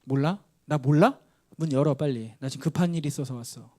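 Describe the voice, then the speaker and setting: A man's voice: a little high, brisk, darkish tone, lightly acted. A man voicing an impatient male army company commander who barks orders in a bossy manner.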